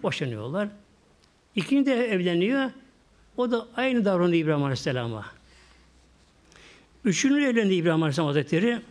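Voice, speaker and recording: A male preacher telling a religious story in a sermon, repeating himself and often slowing down for emphasis. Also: sits high, big pitch swings, a little mellow.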